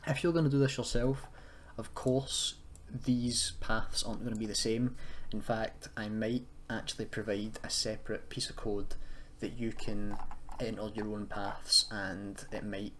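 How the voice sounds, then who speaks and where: A young university student with a fairly low, slightly bright voice presents an unscripted screen-recorded coding tutorial. He speaks in a level tone, unhurried and with hardly any pauses, informal and hesitant, correcting himself as he goes. Noticeable noise and keyboard typing sound behind him.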